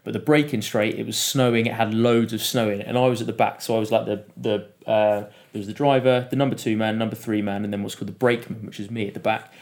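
A man with a lowish voice tells a story in a relaxed podcast chat. He is animated, laughs often and acts out what others said. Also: quick pace, hardly any pauses. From United Kingdom. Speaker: podcast guest. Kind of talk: casual storytelling interview.

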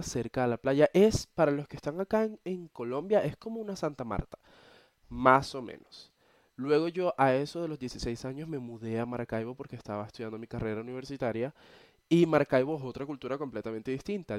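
A young Venezuelan man with a Venezuelan accent hosts his own podcast from his bedroom, chatting expressively in a casual solo monologue and making playful asides to listeners. His mid-range voice comes through clean studio sound with no echo.

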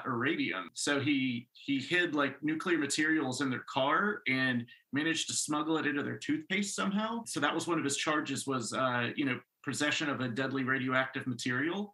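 A man's voice: mid-range voice, sharp tone, low-quality recording. A man co-hosting a podcast, recounting a paranormal mystery in casual, rambling chat full of fillers. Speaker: podcast co-host.

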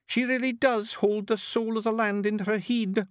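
A man's voice: sits high, fairly even intonation, normal speed, clear, resonant tone, no echo, clean studio sound, pitched above the performer's own voice, lightly acted. A man voicing a very tiny, earnest male fairy with a Scottish accent who talks eagerly. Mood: hushed.

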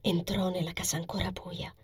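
A woman narrating a novel as a steady scripted reading, soft and hushed, sometimes sinking to a whisper. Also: fairly low pitch, normal speed, husky. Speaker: audiobook narrator.

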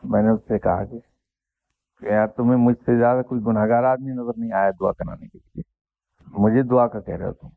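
A man, a spiritual teacher telling an anecdote and reflecting on faith in an unhurried, self-deprecating way. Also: mid-range voice, fairly even intonation, gravelly, no room sound. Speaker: spiritual teacher answering questions. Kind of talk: anecdotal storytelling and religious reflection. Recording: dry, tinny phone-like sound.

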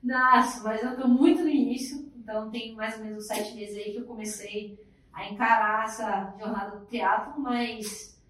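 A woman's voice: on the high side, distant mic. A young woman from Bahia, a guest telling stories in a chatty, upbeat way. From Bahia, Brazil. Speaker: guest, emergency doctor. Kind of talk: casual podcast chat. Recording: roomy echo, off-mic.

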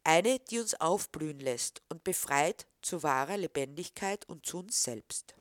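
A woman reading scripted narration in a calm, earnest, reflective way. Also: low voice, a little slow, no room sound, clean studio sound.

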